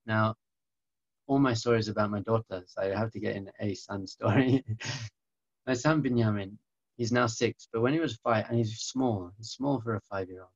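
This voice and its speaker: A middle-aged man telling a story in a talk, animated and self-mocking, acting out the quotes. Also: fairly low pitch, no room sound, dull audio. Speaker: speaker giving a talk.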